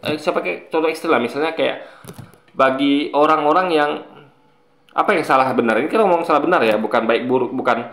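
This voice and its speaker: Man, casual commentary, gravelly voice, higher-pitched, echoey room. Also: brisk. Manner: animated, explains with examples and repeats points. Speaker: commentator reacting to video clips.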